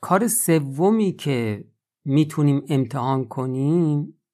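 Man, Iranian Persian accent, gravelly mid-pitched voice, for a podcast moral lesson, teaching casually with rhetorical questions. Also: a little mellow. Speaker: religious podcast speaker.

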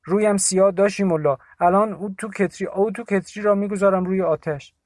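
A man's voice: high voice, fairly even intonation, a little mellow, dry recording, studio quality, pitched above the performer's own voice, natural voice. A man voicing a sniffling, apologetic village woman in an audiobook. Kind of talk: audiobook character voice.

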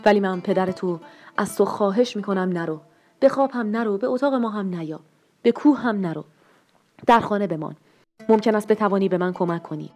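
A woman's voice: medium pitch, a little mellow, lightly acted. A woman voicing a frightened, pleading middle-aged father in a read-aloud story, with an urgent delivery.

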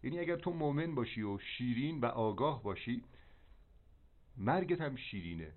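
A man's voice: mid-range voice, lively intonation. Didactic male counselor on a tinny phone line. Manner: didactic, directive, with check-in questions. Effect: over a landline phone. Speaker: spiritual healer and doctor giving counsel. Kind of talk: preaching counsel on a phone call. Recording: narrow, tinny telephone line.

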